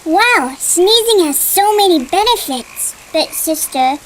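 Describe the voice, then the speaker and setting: A woman's voice: extremely high pitch, lively intonation, slow, fairly bright tone, slight background noise, heavily acted, low-quality recording. A woman voicing a curious young boy in a dubbed cartoon, who keeps asking why. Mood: curious, questioning. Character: curious inquisitive young boy, Abdul Bari.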